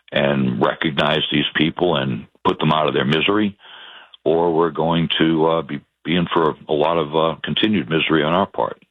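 Gravelly deep-voiced Boston man. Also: no echo, narrow, tinny audio. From Massachusetts. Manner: halting, many fillers and restarts. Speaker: guest. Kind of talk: political interview.

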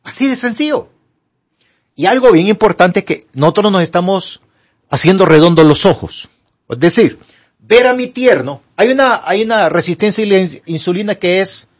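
A Honduran doctor appears as a studio guest answering health questions, giving conversational medical advice for a broadcast audience. His high-sitting, expressive voice moves at normal speed as he speaks emphatically and didactically, asking and answering his own questions. The broadcast audio is dull and lo-fi.

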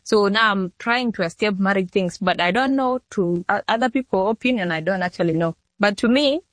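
A woman's voice: medium pitch, fairly quick, no room sound. A nineteen-year-old woman from Sudan, answering interview questions plainly and earnestly, often restarting her sentences. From South Sudan. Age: 19, young adult. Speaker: model, interview guest.

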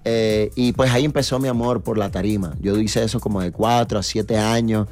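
A man's voice: on the low side, brisk, soft background music. Chatty man with musical bed behind. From New York, USA. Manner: animated storyteller, many fillers and tag questions. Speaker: reggaeton artist, guest. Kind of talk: casual interview chat.

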